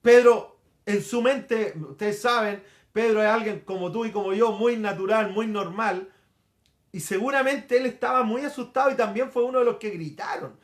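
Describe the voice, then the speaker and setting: A middle-aged Chilean pastor delivers a sermon in a high, bright-sounding voice. He tells the story vividly and jumps into the voices of the people in it. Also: moderate pace. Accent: Chilean Spanish. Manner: animated storytelling, acts out the quoted lines.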